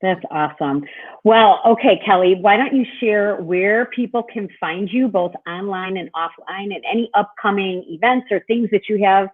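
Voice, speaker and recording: A woman's voice: medium pitch, moderate pace, dry recording. A woman life coach interviewing a client over a video call, upbeat and encouraging with many fillers, her voice tinny and glitchy through the call audio. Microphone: online call. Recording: dry, narrow phone-like call line.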